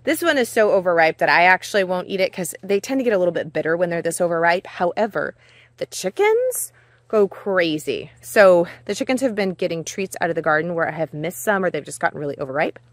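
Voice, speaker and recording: A woman's voice: fairly low pitch, very animated, a little fast, no room sound. A woman in her forties from the Pacific Northwest gives a casual, enthusiastic tour of her vegetable garden, talking straight to her viewers. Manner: chatty and enthusiastic, talks to viewers directly. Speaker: homesteading vlogger. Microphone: handheld phone at arm's length.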